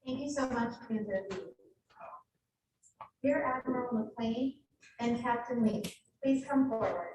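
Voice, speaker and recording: A woman serving as master of ceremonies, making measured, formal announcements. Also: fairly high pitch, a little mellow, a little hiss or hum. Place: large ceremony hall. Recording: echoey hall from far off.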